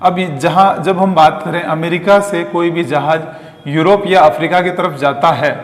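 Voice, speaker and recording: Guy teaching geography, asks himself questions then answers, echoey room. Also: a little high. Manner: explains step by step, asks and answers his own questions; draws diagrams while talking. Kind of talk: classroom lecture.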